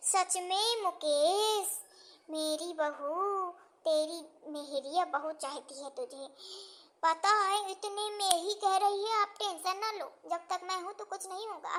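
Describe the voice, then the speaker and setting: A woman voicing a scheming middle-aged mother-in-law in a cartoon, in a high sped-up cartoon voice. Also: a bit bright, exaggerated voice. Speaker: cartoon character.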